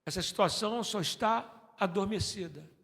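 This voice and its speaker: A Brazilian man preaching a sermon as pastor, moving between loud exhortation and hushed storytelling. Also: high-pitched, moderate pace. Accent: Brazilian Portuguese. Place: church hall. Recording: church sermon recording with long hall reverb.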